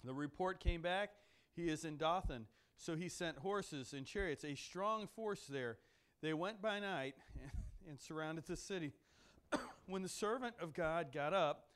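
A male preacher with a fairly high voice reads scripture aloud and then breaks into folksy, joking asides. He often repeats and restarts his words. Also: fairly bright tone, clean tone. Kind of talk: sermon with Bible reading.

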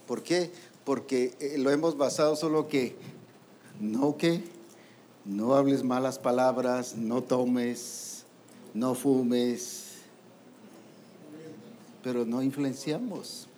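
A man preaching a sermon to ministers, lively and full of rhetorical questions, acting out quoted voices. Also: mid-range voice, slow pace, pauses often, a little hiss or hum.

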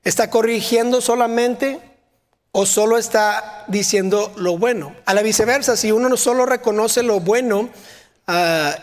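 A man preaching a sermon, asking the audience questions and sometimes shouting as he acts out a drill sergeant. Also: sits high. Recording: long hall reverb.

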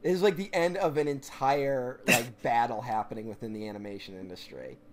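A man co-hosting a casual podcast, talking in animated, swearing rants. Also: medium pitch, fairly quick, a crowd in the background. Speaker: podcast co-host. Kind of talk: casual chat.

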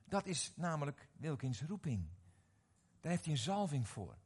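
A middle-aged man preaching a sermon, animated and often questioning his audience, repeating words as he restarts. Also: fairly high pitch, normal speed, husky. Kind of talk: sermon to a live congregation.

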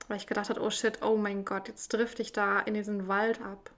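A woman telling a personal story in a reflective, measured way, with frequent pauses. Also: medium pitch, flat delivery, a bit bright.

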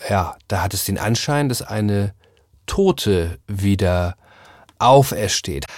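A man's voice: medium pitch, dry recording, clean studio sound. A man hosting a book podcast, chatting casually about a novel with frequent filler sounds. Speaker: podcast host.

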